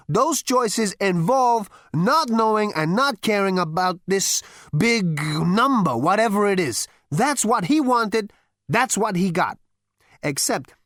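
A brash, petulant young male space rogue from a storybook who rants and defies anyone telling him what to do, as a woman reading aloud plays him. The voice stays near her own register but bounces about lively. It sounds dry and close. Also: mid-range voice, no room sound, voice pushed up. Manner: ranting, defiant. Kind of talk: audiobook character voice.

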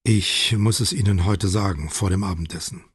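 A man voicing a quiet, reserved middle-aged father who speaks softly. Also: low voice, normal speed, breathy edge, no echo, studio quality.

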